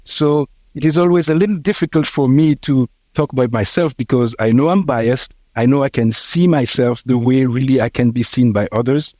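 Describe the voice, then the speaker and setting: A Haitian man in his sixties, a podcast guest, telling his life story in a reflective, halting way with many fillers and restarts. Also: medium pitch, warm tone, no echo. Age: 60s.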